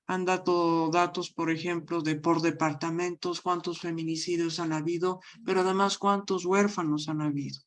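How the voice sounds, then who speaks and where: A woman giving a university language lecture, repeatedly telling students to look closely and stressing question words. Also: on the low side. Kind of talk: online class lecture.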